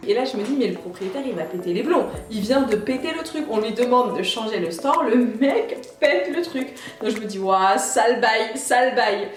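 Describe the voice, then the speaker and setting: Animated woman telling a story in an echoey room. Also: on the high side, normal speed, few pauses. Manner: animated, acts out both sides of the dialogue. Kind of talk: casual storytime vlog. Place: inside her apartment. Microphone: camera mic. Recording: roomy, echoey apartment room.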